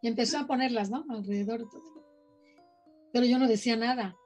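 A woman with a Mexican Spanish accent, a guest on a podcast, shares her paranormal experiences in a casual personal story, animatedly acting out the voices of the people she quotes. Her voice is on the high side, brisk and darkish in tone. The recording is muffled, with faint music in the background.

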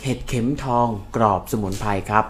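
A man co-hosting a casual live-streamed talk show in Thai, chatting and reading out sponsor details. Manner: friendly, reads out sponsor details slowly. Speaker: co-host of a live podcast.

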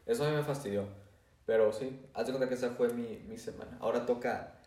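A man's voice: mid-range voice, fast, darkish tone, echoey room, distant mic, a little hiss or hum. A young man chatting casually with a friend, giving short laid-back replies. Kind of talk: casual chat.

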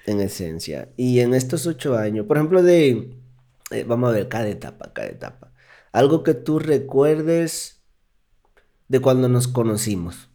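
A man with a Dominican accent, chatting as a podcast co-host. His voice is mellow and warm. He tells stories in an animated way and laughs often. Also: mid-range voice. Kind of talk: casual chat.

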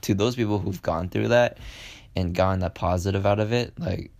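A young man rambles through a personal story on a podcast, using lots of fillers and acting out what people said. His low-pitched voice is creaky with a darkish tone, at normal speed and with no echo.

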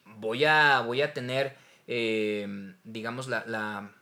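A man speaks in an even, mid-pitched voice. He is a voice actor, reflective and measured, often pausing on fillers as he chats. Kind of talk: casual chat.

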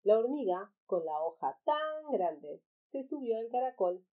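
A woman reading a children's story aloud in an expressive, animated storytelling manner. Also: a little high, measured pace, soft background music.

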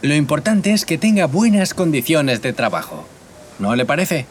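A man's voice: on the high side, expressive, normal speed, a little hiss or hum, natural voice. A man acting as a courteous shop salesman in a scripted learner dialogue, speaking in a formal sales manner. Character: polite adult male shop salesman.

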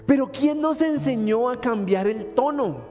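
A man in his thirties with a Colombian Spanish accent, preaching a sermon in a lively, colloquial storytelling manner. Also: very high-pitched, measured pace. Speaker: pastor. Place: church hall. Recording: hall reverb with soft instrumental music.

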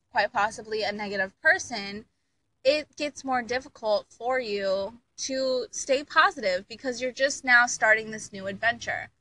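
Bright-voiced woman giving earnest advice. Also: fairly high pitch, low-quality recording. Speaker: vlogger. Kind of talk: casual motivational talk. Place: inside a car.

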